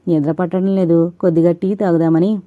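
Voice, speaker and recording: A woman's voice: fairly low pitch, flat delivery, a little fast, no echo, narrow, tinny audio, natural voice. A woman reading a story voices a curt, hot-headed young man. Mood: evasive.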